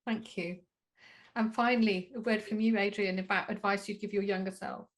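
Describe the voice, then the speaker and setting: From her home on a video call, a conference host introduces speakers and thanks them graciously. She speaks at a moderate pace in a steady, mid-range voice.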